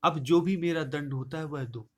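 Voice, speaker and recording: A male teacher explaining a poem line by line, reciting each verse louder and then paraphrasing it in plain words. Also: fairly high pitch, normal speed. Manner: repeats and rephrases words to explain them.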